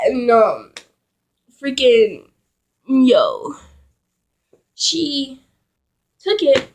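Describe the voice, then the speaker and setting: A young woman vlogger telling a rambling story in a casual, profanity-heavy way, with laughing asides. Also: high voice.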